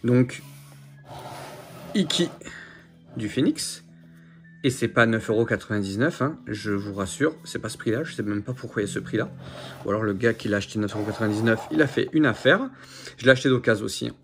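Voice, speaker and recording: Fairly low and a little fast, this male voice leaves long pauses as he shows off his figure collection on camera. The unboxing talk is casual and rambling, full of fillers and repeats.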